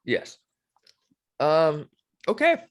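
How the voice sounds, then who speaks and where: A man co-hosting a fight podcast in casual chat, reacting with excited emphasis. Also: fairly high pitch, extremely slow. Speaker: podcast co-host.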